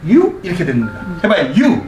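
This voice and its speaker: A man with a high voice teaching English to a live class, coaching the group through repeat-after-me drills and chuckling as he goes. He sounds set back from the microphone, and his voice rings through an echoey room over a faint hum of ambient noise. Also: quick pace, far from the mic. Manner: lively, coaxing, chuckles while explaining. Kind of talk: live classroom lecture with call-and-response drills.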